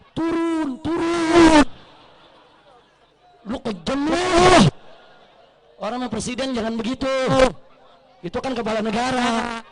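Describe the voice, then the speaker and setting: High-voiced fiery male preacher. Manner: shouts chants, then drops to joking asides. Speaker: preacher addressing a rally crowd. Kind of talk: fiery call-and-response sermon.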